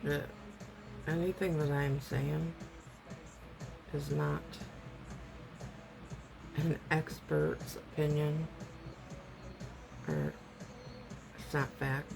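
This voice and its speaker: A woman with a low voice and a heavy smoker's rasp, thick with creak. She talks slowly through an amateur tutorial in a casual, rambling, self-effacing way. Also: expressive, music in the background, poor audio. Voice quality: rough, raspy smoker's voice. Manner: rambling, self-deprecating, loses train of thought. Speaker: amateur nail tutorial host. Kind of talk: casual hands-on tutorial chat.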